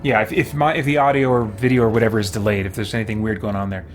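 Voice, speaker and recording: A man with a lowish voice and fairly even intonation talks at a racing clip over background music. He's hosting a casual game livestream, rambling, thinking aloud, and reading viewer comments as he chats.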